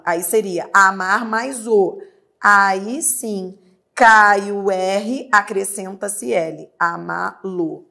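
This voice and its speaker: A woman's voice: mid-range voice, a bit bright. A woman teacher with a Brazilian Portuguese accent, giving a grammar lesson and asking and answering her own questions. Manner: patient, drawn-out explanations, asks and answers her own questions. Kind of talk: exam-prep grammar lesson.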